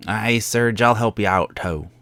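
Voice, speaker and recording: A man voicing a gruff, proud and stubborn pirate captain from a video game, with piratical turns of phrase. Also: on the low side, a little slow, fairly bright tone, no room sound. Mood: resolute. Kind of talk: video game dialogue read-aloud.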